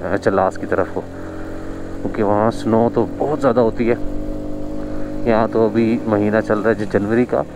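Riding through snow on a mountain road, a chatty Pakistani vlogger offers casual motorbike commentary, marveling at the views and chuckling often. His voice is on the low side, and the background is noisy.

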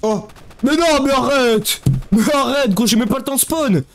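A man giving casual gameplay commentary, excitable and slangy, often yelling at the game. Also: extremely high pitch, normal speed. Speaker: gaming YouTuber.

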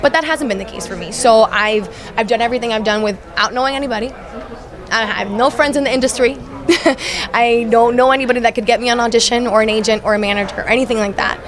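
Quick and fairly high-pitched, the young Miami actress gives an earnest, casual interview at a crowded event, frequently restarting and filling pauses. The interviewer holds the handheld mic, and chatter from the crowd carries behind her.

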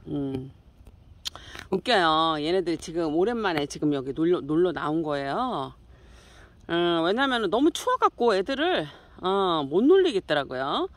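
A woman filming her cats outdoors on a hillside near a road, baby-talking to them and explaining calmly to viewers. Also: fairly low pitch, a little hiss or hum. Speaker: cat owner filming her pets. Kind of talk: casual outdoor vlog narration.

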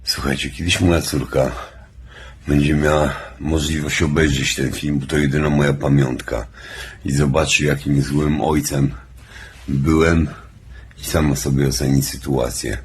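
A man's voice: rumbling low, flat delivery, unhurried, noisy background. A man who sounds stoned, rambling sluggishly and casually to his audience with heavy swearing. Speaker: vlogger.

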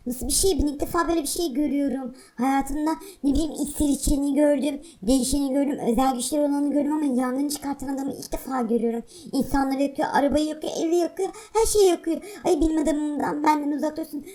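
A woman's voice: high-pitched, fairly even intonation, quick pace, hardly any pauses, dark tone. A woman narrating and voicing toys in a play-acting video, with fretful exclamations.

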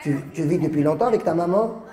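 A stand-up comedian with a voice on the high side talks fast during live crowd work, teasing audience members and chuckling through his lines. The recording has a roomy live-hall sound with crowd noise.

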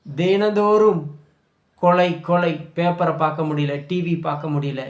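A man ranting in anger about politics, scolding and shouting at his listeners. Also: a little high, measured pace, roomy sound. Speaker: political commentator. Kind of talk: angry political rant.

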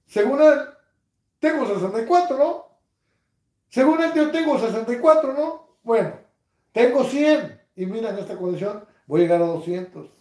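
A man, hosting a casual livestream from his couch, reading comments with crude, mocking humor and bursts of loud laughter. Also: very high-pitched, expressive, moderate pace, echoey room. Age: 60s. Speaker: livestream host. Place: living room, seated on a couch at home.

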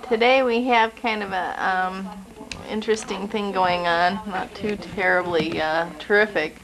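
A woman's voice: medium pitch, fairly even intonation, unhurried, a crowd in the background, poor audio. A mother narrating a home video of her baby in the living room, talking sweetly to the infant while holding a camcorder. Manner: chatty, talks sweetly to the baby. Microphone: handheld camcorder.

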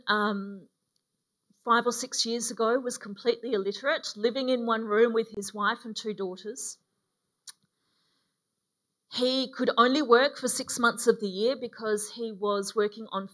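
A middle-aged woman delivers a sermon from the lectern of a church stage. Her pitch sits in the ordinary middle range, and her telling is conversational and unhurried, dotted with ums. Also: a bit bright. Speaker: preacher. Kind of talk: sermon with a mission story. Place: dark church stage, indoors.

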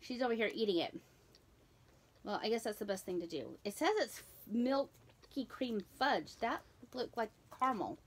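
A young woman hosting a casual snack taste-test vlog, reading the package descriptions aloud in a halting way. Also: fairly high pitch, lively intonation, slightly rough. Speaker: vlogger.

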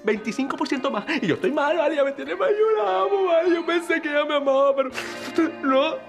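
An actor playing a clumsy, neurotic, lovesick young office nerd in a telenovela, whiny and melodramatic, with a Venezuelan accent. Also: male voice, very high voice, animated, fast, gravelly, over music, full character voice. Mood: lovesick despair. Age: young adult. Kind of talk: telenovela comic acting.

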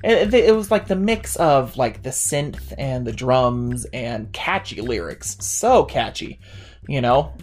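A man in his thirties co-hosting a casual podcast, talking in an animated way with many restarts and fillers. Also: mid-range voice, slow. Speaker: podcast co-host. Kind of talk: casual chat.

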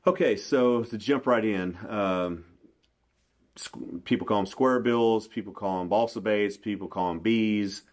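A middle-aged man, a bass fishing pro, explaining his baits in a casual, folksy interview with plenty of restarts, recorded in a small room. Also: unhurried. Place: small indoor room at a table.

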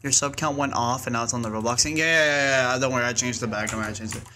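A man's voice: mid-range voice, fast talker, sharp tone, a little hiss or hum. A man live-streaming a game, chatting casually and rambling with lots of fillers and laughs.

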